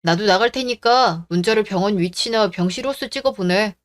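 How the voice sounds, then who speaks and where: Actor as a firm young husband. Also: male voice, sits high, normal speed, a bit bright. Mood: concerned. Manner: firm and reasoning. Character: firm young husband who defends his wife. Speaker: husband and son. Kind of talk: radio drama acting.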